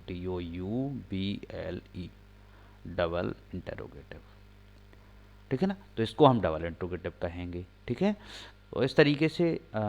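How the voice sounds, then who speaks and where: A man teaching English grammar, slowly spelling out example sentences word by word and asking questions he answers himself. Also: lowish voice. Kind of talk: classroom-style explaining lesson. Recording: slightly dull lo-fi recording.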